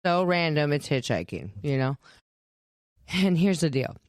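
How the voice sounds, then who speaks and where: A podcast host in a casual chat, teasing the guest with playful, animated reactions. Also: medium pitch, measured pace, no echo, clean studio sound.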